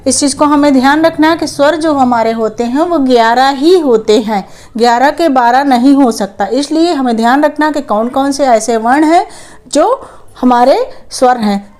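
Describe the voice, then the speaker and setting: A young woman teaching Hindi grammar in an online lesson. She asks questions and answers them herself, repeats each point, and draws out the vowels slowly when she demonstrates them. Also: sits high, darkish tone.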